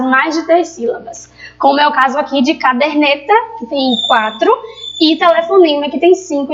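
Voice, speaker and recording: A woman with a Brazilian Portuguese accent, teaching a recorded grammar lesson in a patient, explanatory way and drawing out example words. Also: sits high. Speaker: primary school teacher. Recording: dull lo-fi recording.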